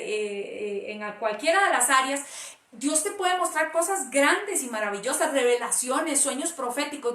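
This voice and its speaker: Woman co-host, high voice, reflective church talk with hesitant fillers. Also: fairly bright tone. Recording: roomy audio from a distant mic.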